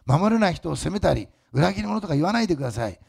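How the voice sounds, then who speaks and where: A male pastor, preaching a fervent sermon that swells loud for emphasis and drops to soft asides for the congregation. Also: a little high, big pitch swings, quick pace, vocal fry, breathy edge.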